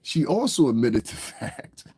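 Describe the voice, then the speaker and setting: A man congested from a cold gives rambling, casual livestream commentary, talking straight to his viewers and often asking "you understand". His mid-range voice is very animated, a little slow, mellow and slightly rough.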